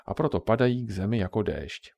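A man voicing a kindly old grandmother who patiently explains things to her grandchildren, in a low voice. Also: expressive, vocal fry, a little mellow, dry recording.

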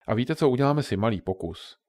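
A man's voice: medium pitch, animated, a little mellow, no echo, natural voice. Man reading as a patient old grandmother. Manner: patient, explanatory. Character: kindly old grandmother explaining science to grandchildren.

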